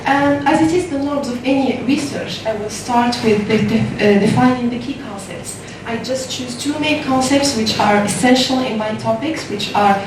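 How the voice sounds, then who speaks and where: Halting woman in an echoey room. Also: on the high side. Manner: halting, formal delivery. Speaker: student presenter. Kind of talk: formal academic presentation. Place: indoor seminar room, far from mic. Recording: very echoey room, distant mic, noisy.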